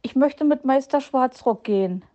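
A woman's voice: sits high, normal speed, warm tone, dull audio, voice pushed up, lightly acted. Woman voicing Borstel, a pleading little hedgehog boy. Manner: pleading, wheedling.

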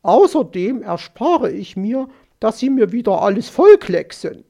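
A man voicing a haughty, quarrelsome female magpie in an audiobook, shrill and snappish. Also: sing-song, measured pace, creaky, dark tone, full character voice. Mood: boastful. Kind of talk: audiobook character voice.

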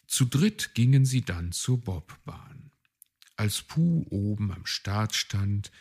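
Slow, gravelly male storyteller. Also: on the low side. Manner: expressive, voices each animal. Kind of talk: reading a children's advent story.

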